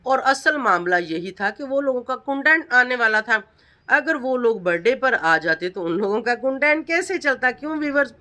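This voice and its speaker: Emphatic woman vlogger, bright voice. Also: fairly high pitch, lively intonation, normal speed. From Pakistan. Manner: emphatic, accusing, rhetorical questions. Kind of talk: reaction vlog commentary.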